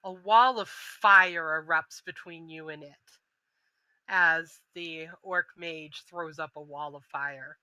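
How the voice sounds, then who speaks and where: A woman narrating as game master of a tabletop role-playing game, describing scenes in an unhurried way. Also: sits low, steady tone, bright, forceful tone, smooth, dry recording, low-quality recording.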